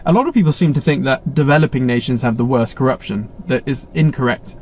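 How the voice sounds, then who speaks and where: An expressive English streamer with a mid-range, slightly mellow voice moves at a quick pace through a casual live Q&A, reading viewer chat. He's chatty and rambling, makes blunt asides and restarts often. A little hiss or hum runs through the slightly muffled webcam audio.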